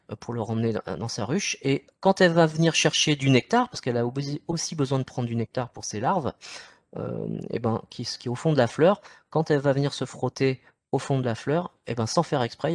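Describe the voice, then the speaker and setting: A man's voice: medium pitch, a little mellow, no room sound. A man with a French accent giving an informal online nature lecture from home, chatty, with many fillers and restarts as he talks through his slides. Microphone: computer mic at home.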